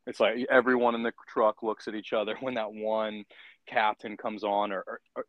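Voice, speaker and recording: A man's voice: on the low side, level tone, normal speed, no echo, muffled recording. A man hosting a casual interview, talking in long, rambling turns and checking in with the guest as he goes. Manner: rambling, keeps checking in with "right?". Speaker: podcast host.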